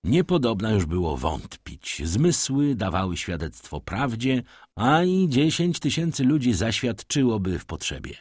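A man narrating a novel aloud in an expressive, dramatic storytelling manner. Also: fairly low pitch, a little slow, no echo, clean studio sound. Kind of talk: audiobook narration.

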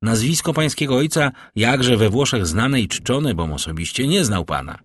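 A man reading an audiobook, voicing a calm, worldly count who speaks with measured irony. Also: medium pitch, slightly rough, no echo, studio quality. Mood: ironic. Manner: cool, measured, ironic. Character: calm, ironic, worldly older nobleman count.

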